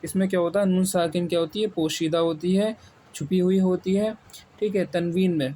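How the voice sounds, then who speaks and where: A man with a Pakistani Urdu accent teaching Quran reading, spelling out sounds slowly and drawing out syllables. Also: high voice, steady tone, warm tone, a little hiss or hum. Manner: repeats sounds slowly, drawn-out syllables, frequent "theek hai". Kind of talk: spelling-out recitation lesson.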